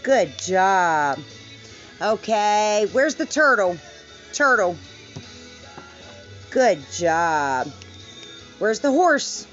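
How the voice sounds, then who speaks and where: Slow sing-song woman praising a toddler. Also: medium pitch, sing-song, faint music behind. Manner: sing-song, warmly praising, repetitive prompts. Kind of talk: slow toddler picture-book quiz. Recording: dull lo-fi home recording.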